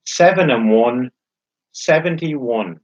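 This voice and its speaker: A man's voice: medium pitch, animated, darkish tone. Male bingo caller, dull lo-fi sound. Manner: measured, repeats each number clearly in a set formula. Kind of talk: bingo calling, announcing numbers digit by digit with traditional nicknames.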